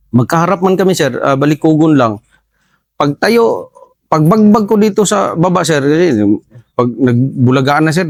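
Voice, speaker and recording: A man recounting a firefight as a soldier in an interview, halting often and calling his listener "sir". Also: fairly high pitch, dry recording. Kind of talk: first-person war story interview.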